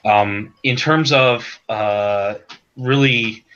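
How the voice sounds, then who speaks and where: A man being interviewed as a comic creator, talking in a halting way with many repeated words and restarts. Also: lowish voice, a bit bright, muffled recording. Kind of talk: casual stream interview.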